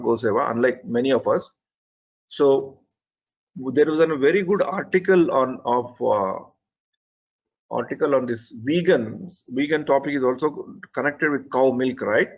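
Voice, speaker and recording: A man's voice: medium pitch, lo-fi sound. A man giving earnest, methodical spoken feedback on an online presentation, often restarting his sentences. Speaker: presentation evaluator.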